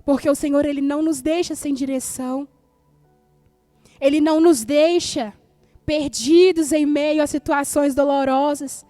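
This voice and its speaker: A woman's voice: sits high, warm tone, no echo. A woman pastor with a Brazilian Portuguese accent preaching a sermon emphatically, repeating key phrases for effect.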